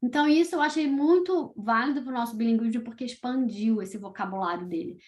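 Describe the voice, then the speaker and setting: A woman's voice: a little high, brisk, a little mellow. A middle-aged woman from Brazil, a podcast creator, chatting casually as an interview guest, with lots of "tipo" and "sabe" fillers.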